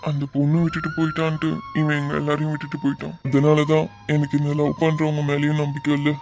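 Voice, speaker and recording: A man voicing a loyal, emotional young man who confides softly in a close friend, in an animated drama. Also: a little high, quick pace, over music, close to an everyday voice. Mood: sad.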